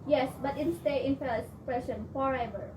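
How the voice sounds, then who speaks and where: A young woman plays a stern king who barks orders at his family, with an Indonesian accent and a high voice. The recording is distant and echoey, with noise behind it. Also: moderate pace, natural voice. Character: stern middle-aged male king, angry father. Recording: echoey room, distant mic, noisy.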